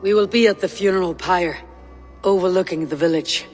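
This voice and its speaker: Trusted Norse warrior male actor, composed and formal, fairly high male register, video game drama. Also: brisk, faint music behind, close to an everyday voice. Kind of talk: dramatic game cutscene acting.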